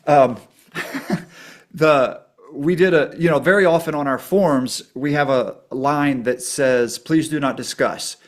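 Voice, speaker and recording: A middle-aged man, a documentary filmmaker and podcast guest, telling stories in a lively way and acting out the voices of the people he quotes. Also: fairly high pitch, slow. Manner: animated storyteller, acts out quoted voices. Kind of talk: storytelling in a podcast interview.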